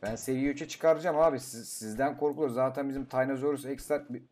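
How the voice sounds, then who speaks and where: A young man giving casual gameplay commentary, talking to himself, swearing and breaking into excited outbursts. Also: mid-range voice, fast talker. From Turkey. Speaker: gaming YouTuber.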